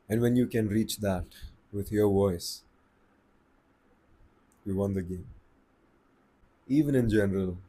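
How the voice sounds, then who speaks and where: A man with an Indian accent giving calm, slow-paced advice on speaking to the camera. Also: lowish voice, breathy edge. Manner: slow, calm and deliberate, with pauses. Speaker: voice coach. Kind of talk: casual advice talk to camera.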